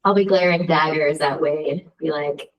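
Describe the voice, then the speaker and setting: A woman's voice: low-pitched, steady tone, measured pace, muffled recording. Meeting lead, woman, organized, heard through a far-off room mic with an echoey, distant sound. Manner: organized, running the agenda. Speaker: meeting facilitator. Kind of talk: video call meeting. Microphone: room mic far from the speaker.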